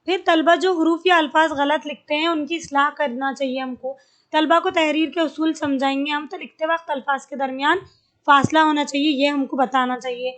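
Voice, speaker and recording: A woman's voice: high-pitched, fairly even intonation, a bit bright. A woman teaching an exam-prep lesson, explaining step by step, repeating key terms and mixing in English words.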